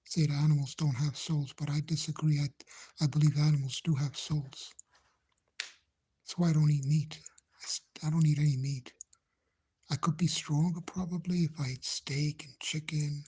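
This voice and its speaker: A man livestreaming from a phone indoors at home, chatting gently with viewers in a hushed, halting whisper so no one in the house hears him. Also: on the high side, slight background noise. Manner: halting, rambling, gentle, nervous. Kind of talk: hushed casual live chat. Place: indoors in a house he shares, speaking quietly.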